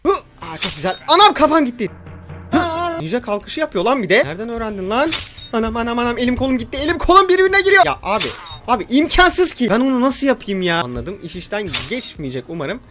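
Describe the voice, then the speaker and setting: Young guy doing loud jokey gameplay commentary, talks super quick, lots of yelling at the screen. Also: very high voice, sing-song, soft background music. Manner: loud, jokey, yelps and curses at the game. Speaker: gaming YouTuber. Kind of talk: excited let's-play commentary.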